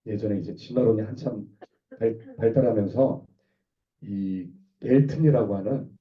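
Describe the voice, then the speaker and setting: A male pastor with a hoarse voice, giving a conversational sermon and asking his listeners questions. He sits a little back from the mic, and the recording sounds dull and muffled. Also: lowish voice, moderate pace, far from the mic. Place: small church hall.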